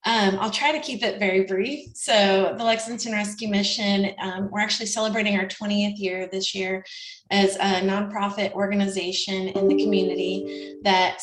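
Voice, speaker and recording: A woman who leads a nonprofit, giving an earnest overview of its work on a panel. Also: medium pitch. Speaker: nonprofit executive director. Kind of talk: panel introduction. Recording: roomy echo.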